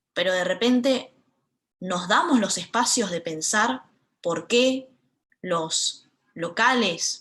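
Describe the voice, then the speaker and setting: A young woman in her twenties speaks with a Rioplatense accent, delivering a lecture talk at a mid-range pitch. She is earnest and emphatic, building her points in short, punchy phrases. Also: fairly bright tone. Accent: Rioplatense Spanish. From Buenos Aires, Argentina. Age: 20s. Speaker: panel speaker.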